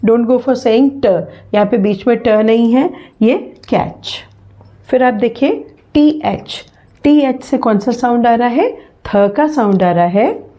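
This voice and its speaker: A woman teacher giving a bilingual phonetics lesson, slowly saying each word again and again. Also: a little high, mellow. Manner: slow, repeats each word aloud.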